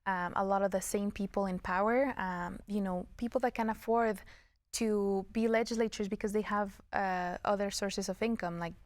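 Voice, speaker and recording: A woman's voice: mid-range voice, steady tone, moderate pace, no room sound. A woman giving earnest, explanatory interview answers as a political candidate.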